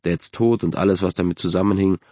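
A man's voice: low voice, steady tone, fast talker, mellow, no room sound. A man voicing a sullen, grieving teenage boy who mutters sarcastic replies, in a dull, dry recording. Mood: brooding.

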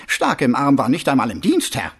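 A man's voice: medium pitch, wildly swooping pitch, brisk, husky, heavily acted. A man voicing an earnest young male watch captain who reports dutifully and formally to his superior.

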